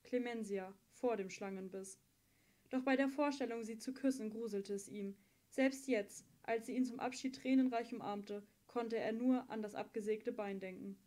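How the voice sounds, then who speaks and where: A woman reading a novel aloud as an audiobook narrator, with steady, measured storytelling. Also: a little high. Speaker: audiobook reader.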